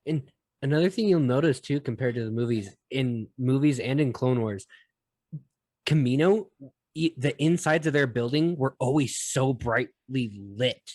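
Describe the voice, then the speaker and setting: A man co-hosting a podcast in casual chat, making quick remarks and playful comebacks. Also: mid-range voice, a little mellow, no room sound. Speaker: podcast co-host.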